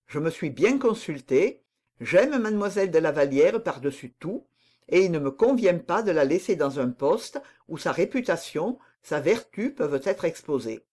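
An anxious young nobleman in love pleads his case in an audiobook scene, as the reader gives him voice. The delivery is earnest and urgent, with a lively, wide-ranging pitch. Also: moderate pace. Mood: earnest pleading. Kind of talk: audiobook reading of dialogue.

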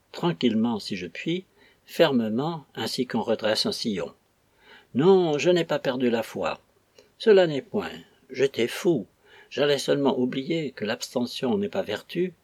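Man voicing a learned priest, formal, measured, husky voice, dry sound. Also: mid-range voice, darkish tone, dry recording. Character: learned priest, composed, embarrassed, self-justifying. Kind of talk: audiobook reading.

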